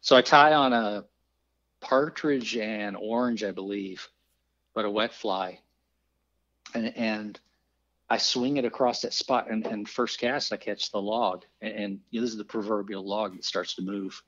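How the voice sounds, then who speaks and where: Low-voiced man telling lively fishing tales. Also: unhurried. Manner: lively anecdotes with exclaimed quoted voices. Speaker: podcast guest, fly fisher. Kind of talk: animated storytelling. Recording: dull lo-fi sound.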